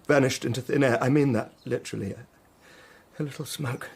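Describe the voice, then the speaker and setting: In a period radio drama, an actor plays a distraught, domineering Edwardian English husband who is agitated, stammering and imperious. His male voice is medium in pitch, fairly even in intonation and fairly quick, creaky with a breathy edge.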